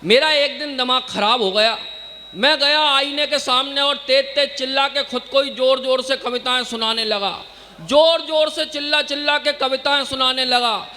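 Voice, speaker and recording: High-voiced indian guy doing comic poems, bright tense voice, long hall reverb. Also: moderate pace. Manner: joking, addresses audience directly, sings verses. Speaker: stand-up comic poet. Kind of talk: comic poetry recital on stage.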